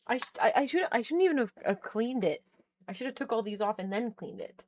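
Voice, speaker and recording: Her voice is a little high and expressive, fairly quick, with a darkish tone and a slight hiss or hum in the audio. She's a woman in her thirties livestreaming from home, tinkering with a keyboard indoors while she laughs often and reads chat aloud.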